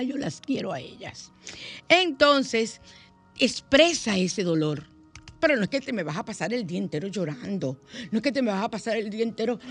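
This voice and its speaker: Una mujer de mediana edad con acento caribeño da consejos en un programa de radio, contando historias con viveza y jugando con las voces. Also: female voice, mid-range voice. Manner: lively, animated storytelling with playful voices. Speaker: radio host and counselor. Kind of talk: radio talk and advice. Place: radio studio.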